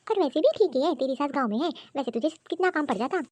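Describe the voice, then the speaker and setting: Bossy, scheming older mother in a cartoon story, doling out gossiping advice, as a woman puts her on. The voice is high yet mellow. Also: animated, fast talker.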